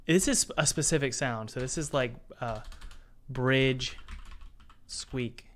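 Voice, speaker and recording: A man's voice: mid-range voice, slow pace, fairly bright tone. A man streaming his game development work, chatting casually and thinking aloud as he edits sounds and reads chat. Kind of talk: casual live-stream chat while working.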